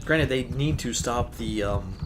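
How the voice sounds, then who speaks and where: A man's voice: medium pitch, measured pace. A young man with a sore, scratchy throat, rambling and swearing casually as a host while he plays a game. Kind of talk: casual chat while gaming.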